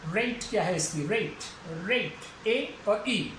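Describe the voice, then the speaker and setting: A male English lecturer giving a phonetics lesson for exam students, who repeats each example word slowly several times. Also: high voice, lively intonation, fairly bright tone. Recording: echoey room, faint background noise.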